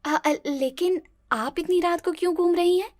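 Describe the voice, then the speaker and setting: A woman's voice: very high voice, moderate pace, no room sound, clean studio sound. A woman voicing a timid, naive young daughter-in-law in a cartoon, stammering and pleading. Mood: anxious. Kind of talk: cartoon voice acting.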